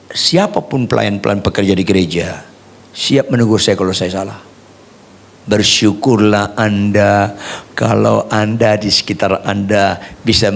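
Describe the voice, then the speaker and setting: A man preaching a sermon as pastor, lively and humorous, swinging between soft asides and raised points. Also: lowish voice.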